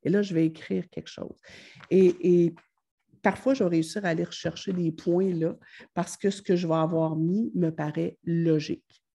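A woman with a Quebec French accent giving calm, explanatory advice to parents, often pausing with fillers and restarting her phrases. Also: lowish voice, vocal fry.

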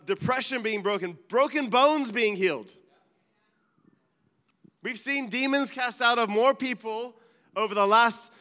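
A male pastor with a high, bright, clear voice preaches earnestly, climbing to emphatic peaks and dropping into asides. His words ring out with a long reverb, as in a large church hall. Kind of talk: sermon.

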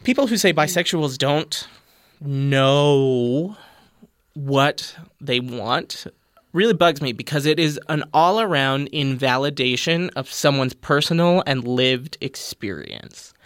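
A young man with a slight lisp speaks earnestly as a guest on a casual panel, expressive and animated as he explains. His mid-range voice moves slowly, recorded dry and at studio quality.

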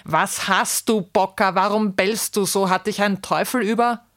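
A woman doing a taunting, shouting sinner. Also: on the low side, moderate pace, dry recording, clean studio sound, natural voice. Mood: mocking shout. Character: mocking male sinner stuck in ice.

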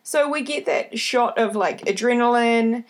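A woman with a broad New Zealand accent hosting a solo podcast, giving motivational advice in a careful, deliberate way. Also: on the high side. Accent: broad New Zealand (Kiwi). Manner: deliberately slowed, careful delivery with repeated key points. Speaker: podcast host.

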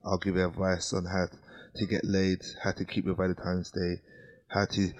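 A man's voice: low voice, completely flat delivery, moderate pace, no echo, dull audio. A man giving casual advice as a podcast panelist.

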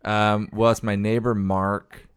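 Man, low smooth voice, casual banter, hesitant, awkward, dry close sound. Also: level tone, slow, no echo. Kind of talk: casual banter and phone chat.

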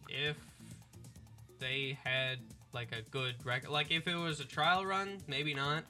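A man's voice: medium pitch, fairly even intonation, takes it slowly, bright, forceful tone, faint music behind. A man being interviewed as a guest on a casual radio show, giving short, matter-of-fact answers. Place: radio studio.

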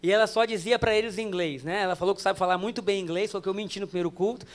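A Brazilian man in his thirties preaches with a strikingly high voice. He tells funny family stories straight to the congregation, drops to a hush and then comes back forceful. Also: racing. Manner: humorous storytelling, addressing the congregation directly; animated, swinging between hushed and emphatic. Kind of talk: sermon.

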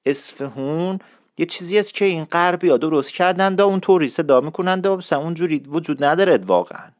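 A man's voice: on the high side, expressive, dry recording, clean studio sound. A man hosting his own podcast, talking in a playful, mock-serious lecturing way. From Isfahan, Iran. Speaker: podcast host. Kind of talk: humorous podcast monologue.

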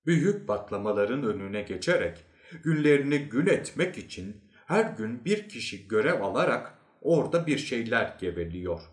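A lanky psychologist, played by a male narrator, lecturing in measured, unhurried sentences with lively pitch. The voice rings in an echoey room. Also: lightly acted. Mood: measured lecture. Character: calm, lecturing male psychologist, tall and thin.

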